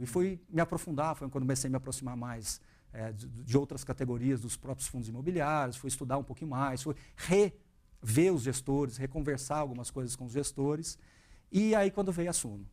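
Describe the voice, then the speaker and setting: Speaking fast in a medium-pitched voice, this guest, a man in his thirties from Brazil, recounts how he became an investment educator. He is earnest and animated, quoting his own thoughts as he tells the story in an interview.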